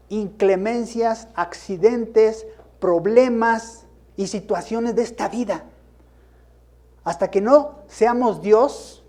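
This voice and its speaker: Man, pastor, sermon, rhetorical questions, emphatic bursts, mellow dark voice. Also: sits high.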